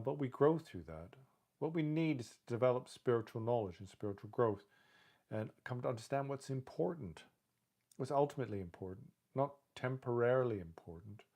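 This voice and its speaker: A man's voice: on the low side, darkish tone. A man talking in a casual livestream monologue, rambling and conversational, with frequent fillers and the odd laugh. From lives in Canada. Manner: rambling, conversational, with many fillers like "you know" and "right"; laughs now and then while talking. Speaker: livestream host.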